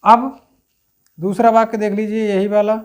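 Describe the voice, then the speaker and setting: High-voiced man teaching grammar. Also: flat delivery, moderate pace. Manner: explains step by step, often checking in with listeners; clears his throat now and then. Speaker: Hindi teacher. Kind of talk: whiteboard grammar lesson.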